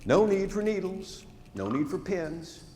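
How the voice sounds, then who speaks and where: On a theatre stage, a man performs a rhymed narrative ballad like a storyteller, his delivery dramatic, folksy and emphatic. His voice is high, sing-song, a little slow and warm in tone. The noisy live recording carries hall reverb.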